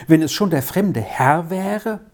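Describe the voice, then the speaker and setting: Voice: mid-range voice, animated, takes it slowly, darkish tone, pitched above the performer's own voice. A storybook reader voicing a shy twelve-year-old girl who frets and complains anxiously. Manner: plaintive, fretful.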